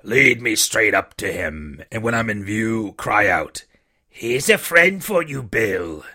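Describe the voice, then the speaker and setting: Creepy old blind beggar from a storybook, harsh n forceful, gravelly rasp, cruel. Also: male voice, lowish voice, big pitch swings, slow pace, pitched below the performer's own voice, heavily acted. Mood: cold, commanding. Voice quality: raspy, ugly, cold. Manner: soft-spoken odd sing-song turning to harsh commands.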